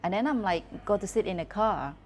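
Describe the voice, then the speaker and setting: On a casual podcast, a woman guest photographer with a Thai accent, not a native English speaker, talks candidly in a mid-range, slightly mellow voice with lively intonation. She's halting, often restarting sentences and using many fillers, with slight background noise.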